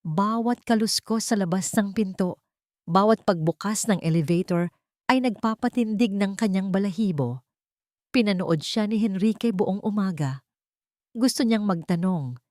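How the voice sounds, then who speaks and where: A woman narrates a dramatic scripted story as an audiobook narrator, speaking with a Filipino accent. Her voice sits in the mid-range with a darkish tone. The recording is studio quality, with no room sound.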